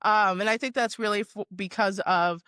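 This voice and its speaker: A woman hosting a casual podcast chat, a bit hoarse, talking in a chatty, upbeat way with lots of fillers. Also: medium pitch, fairly even intonation, normal speed, pushed and bright, dry recording, clean studio sound. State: hoarse, under the weather. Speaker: podcast host.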